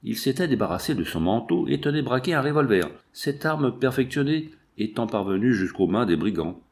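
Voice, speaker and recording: A man narrating an adventure novel in a steady, measured audiobook reading. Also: medium pitch.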